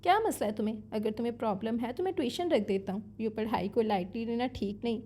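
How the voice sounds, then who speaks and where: A woman's voice: fairly high pitch, warm tone, close to an everyday voice. A woman reading a cold, commanding young husband. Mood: stern. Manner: cold, clipped, scolding. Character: stern aloof young husband, curt and commanding.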